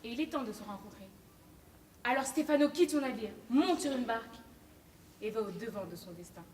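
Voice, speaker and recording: A woman playing a calm young storyteller. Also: a little high, natural voice. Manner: gentle, measured storytelling. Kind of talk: stage play acting. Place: theatre stage, large hall. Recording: echoey hall, faint noise.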